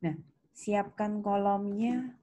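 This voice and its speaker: A woman accounting lecturer with an Indonesian accent teaches a step-by-step lesson with worked examples, speaking slowly in a flat, mellow, medium-pitched voice. Her didactic style includes questions and reminders. The recording has clear background noise and keyboard clicks.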